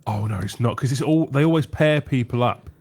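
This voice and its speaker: A man's voice: medium pitch, a little fast, a little mellow. Rambling man on the radio. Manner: rambling, hesitant storytelling with restarts and put-on voices. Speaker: radio co-host. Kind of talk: casual banter. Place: radio studio.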